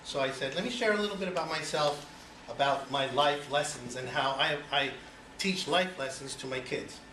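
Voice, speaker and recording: A man's voice: medium pitch, moderate pace, sharp tone. Cuban-born man speaking in an echoey room. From Cuba. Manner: conversational, many you-knows, rhetorical questions. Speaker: speaker giving an icebreaker speech. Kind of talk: personal speech to an audience. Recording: echoey room, voice from far off, noisy.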